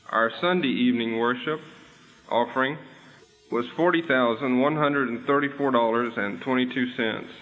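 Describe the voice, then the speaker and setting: Guy reading church offering numbers, muffled old recording, music playing underneath. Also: medium pitch. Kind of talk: church announcement.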